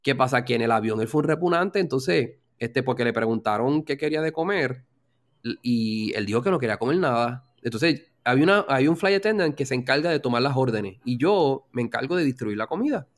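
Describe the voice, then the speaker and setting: A man with a Puerto Rican accent, a flight attendant, telling anecdotes in casual chat, filling pauses with "este". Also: mid-range voice, lively intonation. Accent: Puerto Rican Spanish. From Puerto Rico.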